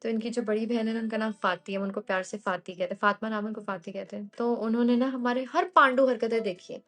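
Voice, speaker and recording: A young woman telling stories casually on a live stream, switching freely between Hindi-Urdu and English, emotional and animated. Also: a little high, quick pace.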